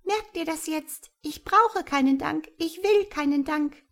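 A woman voicing a tiny, ancient, bearded male sprite with a soft, high, piping voice and a brisk, bossy way of talking, reading from a storybook. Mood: sharp. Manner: brisk, bossy, quick to answer.

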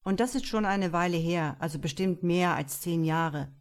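A gruff, cynical male police detective, as a woman reader puts him on in a crime audiobook. He drops sour, sarcastic remarks in a low-set voice. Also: moderate pace, natural voice. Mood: sober.

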